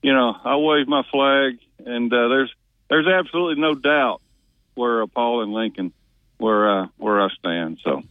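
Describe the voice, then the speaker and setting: A man's voice: mid-range voice, normal speed, no room sound. A man calling a sports talk radio show from outside in his yard, stammering and repeating words, over a tinny phone line. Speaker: caller. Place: outdoors in a yard.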